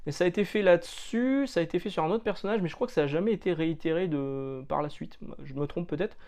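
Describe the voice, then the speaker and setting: A man's voice: on the high side, fast, darkish tone. A man from France talking casually about comics, chatty and jokey, with lots of hesitant fillers. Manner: jokey, loose slang. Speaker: comics reviewer.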